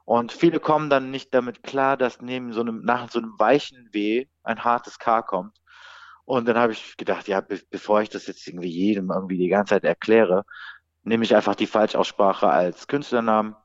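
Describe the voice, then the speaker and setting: Entspannter Rapper, trockene, dumpfe Aufnahme. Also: male voice, fairly low pitch, moderate pace, no room sound. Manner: explaining patiently, relaxed. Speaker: rapper guest. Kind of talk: casual interview chat. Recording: dry, slightly dull interview audio.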